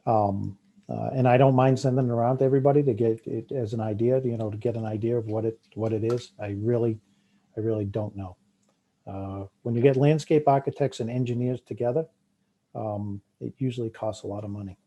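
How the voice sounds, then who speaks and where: A man with a Boston accent answers questions at a town committee meeting. His voice is very dark and mellow, and he talks haltingly, with plenty of fillers and restarts. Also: medium pitch, fairly even intonation. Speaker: town official presenting a park project.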